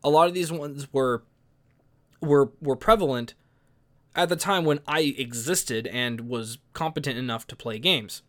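A man's voice: mid-range voice, measured pace. A man in his early twenties, giving casual spoken commentary in an opinionated, exasperated way that is full of restarts and repeated words. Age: young adult.

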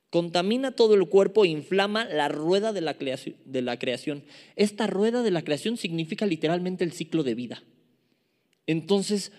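A man preaches a sermon, reading scripture aloud and then explaining it line by line. His voice sits high, and he pushes hard on the words he wants to land. A long reverb tail follows him, like a large hall.

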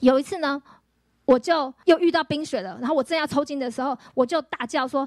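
A woman pastor, giving a lively healing testimony sermon full of acted-out quotes and rhetorical questions. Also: high voice, quick pace, no room sound, clean studio sound.

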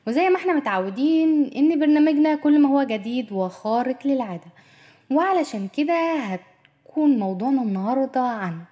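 A woman's voice: sits high, mellow. A young woman radio host with an Egyptian Arabic accent, chatting casually and speaking straight to the listener. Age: young adult. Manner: chatty, addresses the listener directly.

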